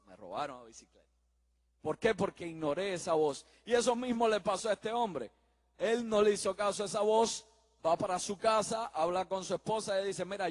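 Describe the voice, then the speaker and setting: A man's voice: sits high, big-room sound. A man preaching a sermon, earnestly telling anecdotes and addressing listeners directly. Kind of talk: sermon with storytelling.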